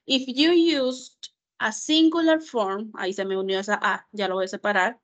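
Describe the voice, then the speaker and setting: A woman teaching English in an online class, explaining slowly in Spanish and repeating English words to model how they sound. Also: mid-range voice, steady tone, highs cut off. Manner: slow, careful, repeats words to model pronunciation.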